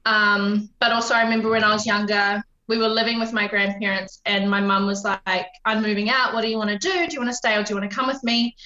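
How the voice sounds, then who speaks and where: A woman in her late twenties with a New Zealand accent talks casually as a podcast guest, peppering her sentences with ums. Her voice is bright and forward, though the line sounds roomy and somewhat muffled. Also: mid-range voice, fairly even intonation, fast talker, hardly any pauses. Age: 20s. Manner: chatty, frequent ums, laughs easily. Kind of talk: casual interview chat. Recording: roomy, dull lo-fi remote line.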